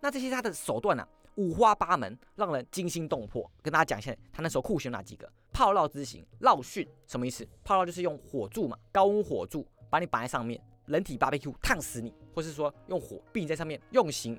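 A man hosting a history podcast, telling the story in a lively, theatrical way. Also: a little high, quick pace, few pauses, soft background music. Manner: lively, acts out quoted lines in shifting voices. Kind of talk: animated storytelling monologue.

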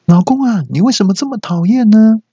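A man's voice: high voice, a little fast, mellow, breathy edge, dry recording, voice pushed up. A man voicing a middle-aged wife who nags and threatens her husband in a whiny, sing-song scold, in a slightly dull lo-fi recording. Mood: nagging.

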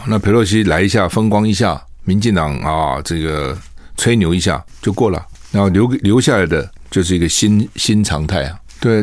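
Older man, animated radio commentary. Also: lowish voice, no echo, clean studio sound. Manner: animated, rhetorical questions, emphatic. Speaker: radio talk show host. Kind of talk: casual political radio commentary. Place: radio studio. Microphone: studio microphone.

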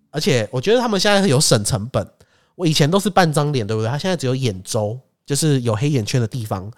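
A man in his twenties with a Taiwanese Mandarin accent, chatting casually and telling stories animatedly. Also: mid-range voice. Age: 20s. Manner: animated storyteller, acts out other people's lines. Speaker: podcast co-host. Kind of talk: casual chat.

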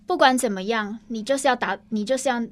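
Fast, high-voiced Taiwanese woman chatting. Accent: Taiwanese Mandarin. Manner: animated, acts out quoted people in put-on voices. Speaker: co-host, former TV news worker. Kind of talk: casual podcast chat.

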